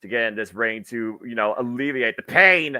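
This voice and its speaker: Male wrestling commentator, bright clean voice, dry close sound, play-by-play, wordy halting analysis. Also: medium pitch, smooth, no echo.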